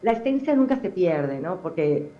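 A woman's voice: fairly low pitch, moderate pace, phone-quality sound. A middle-aged woman with a Venezuelan accent tinged with Argentine sounds, chatting expressively as a guest in a TV interview. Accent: Venezuelan, with some Argentine touches. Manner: chatty and expressive, many fillers. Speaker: telenovela actress, guest.

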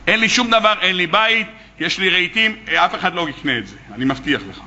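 A man's voice: high voice, expressive, bright, forceful tone, voice pushed down, exaggerated voice. A man voicing a poor employee with many children who pleads and apologizes. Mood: pleading. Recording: muffled lo-fi recording.

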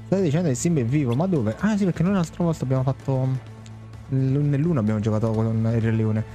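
A man's voice: mid-range voice, quick pace, dark tone. A young man playfully commenting on a live game stream, chatting casually and reading dialogue aloud. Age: young adult. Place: indoor room. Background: game music.

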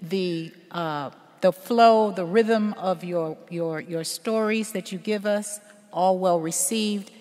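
Ceremony emcee, woman, gracious introductions, lower voice, echoing auditorium. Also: slow pace, darkish tone. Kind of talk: formal ceremony hosting. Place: large auditorium stage. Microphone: podium microphone. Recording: long hall reverb.

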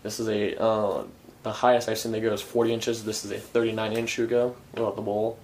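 A man's voice: on the low side, level tone, a little fast, darkish tone. A young man giving an informal, enthusiastic product review as casual chat, picked up by a camera a few feet away indoors. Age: young adult. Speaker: hookah reviewer. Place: garage workshop, indoors. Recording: faint background room noise.

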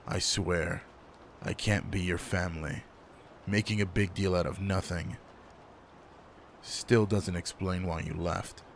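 This roleplay audio drama features a man as a gruff alpha werewolf who talks low and close, his gravelly voice slow and commanding, with a guarded, caring, teasing side. Here he sounds exasperated, with faint rain and slight background noise behind him.

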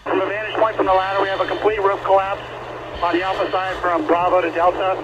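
A man's voice: sits high, flat delivery, fast talker. A man reporting fire conditions urgently as a firefighter over the radio. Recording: muffled, very noisy radio.

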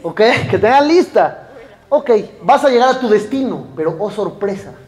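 Animated high-voiced rabbi preaching. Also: male voice, moderate pace. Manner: animated storytelling, acting out dialogue, addressing the audience directly. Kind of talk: sermon.

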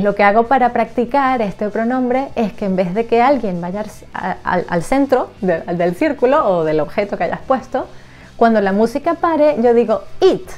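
Lively woman teacher explaining a classroom game. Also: mid-range voice. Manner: lively, animated, acts out sounds and children's voices. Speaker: English teacher for young children. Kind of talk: casual explanatory lesson to camera.

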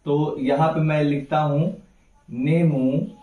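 A man teaching an exam-prep geography lesson, going slowly over names on a map and asking his students to repeat them back. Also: on the high side, fairly even intonation, warm tone. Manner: slow, repeats names and quizzes the class. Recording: echoey room, voice from far off.

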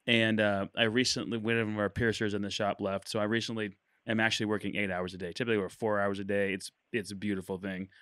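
Joking guy on a podcast, bright sharp voice, dry sound. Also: on the low side, flat delivery, quick pace, few pauses, no room sound. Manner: joking, bursts into loud laughter. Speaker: podcast co-host. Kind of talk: casual chat.

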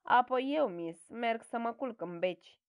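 A woman's voice: on the high side, animated, clean tone, no room sound, studio quality. Mihalco, a woman doing a naive peasant lad. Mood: earnest. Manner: naive, plain-spoken. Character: simple, earnest young peasant lad.

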